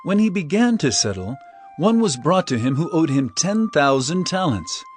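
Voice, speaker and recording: An actor playing Jesus as an earnest, emphatic teacher of solemn parables in a dramatized scripture reading. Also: male voice, on the high side, big pitch swings, moderate pace, soft background music. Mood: solemn storytelling.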